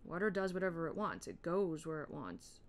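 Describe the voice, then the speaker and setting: A woman in her thirties hosting an art tutorial, chatting in a relaxed way while she colors, with soft murmured asides. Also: fairly low pitch, brisk. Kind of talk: casual chat while coloring.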